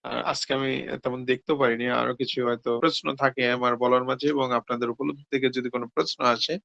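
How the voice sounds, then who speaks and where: Man with a gravelly voice explaining scripture. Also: mid-range voice, steady tone, fast talker, fairly bright tone, no room sound, muffled recording. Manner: explains with rhetorical questions and answers; hesitant, with fillers and self-corrections. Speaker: seminar speaker on scripture. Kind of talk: devotional scripture talk.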